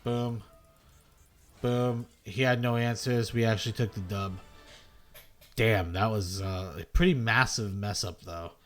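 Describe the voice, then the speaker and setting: A man giving loose, self-mocking gameplay commentary as a video host, swearing freely. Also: mid-range voice. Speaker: gaming content creator.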